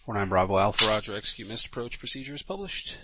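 A man's voice: fairly low pitch, lively intonation, fast. A man working as an air traffic controller, giving clipped, official radio instructions.

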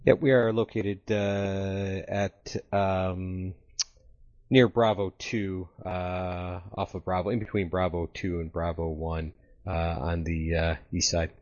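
Pilot over the radio: a man with a very deep voice, muffled transmission, halting with fillers. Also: level tone, a little mellow. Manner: halting, with many fillers and self-corrections. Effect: pilot heard over the aircraft radio. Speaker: private pilot. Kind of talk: radio calls to air traffic control.

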